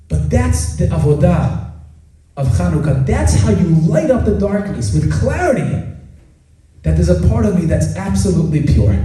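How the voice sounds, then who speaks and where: A rabbi with a high but mellow voice gives an animated sermon, questioning his listeners and slipping into song. He sounds distant from the mic, and his words ring through a very echoey hall. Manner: animated, asks the audience questions, breaks into song. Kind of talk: Hanukkah sermon to an audience. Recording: echoey hall recording from far off.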